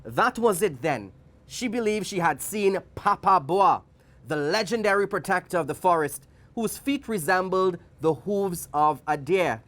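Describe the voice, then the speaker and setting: Reading a storybook aloud to children as a guest reader, this woman has a Trinidadian accent and a lowish, somewhat bright voice. Her delivery is animated, unhurried, theatrical and playful, dotted with chatty asides.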